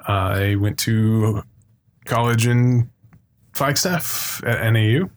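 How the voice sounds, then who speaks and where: A middle-aged man from Phoenix, Arizona, co-hosts a podcast, speaking casually and off the cuff. His voice is low and slow, and he rambles and swears, stacking up repeated phrases.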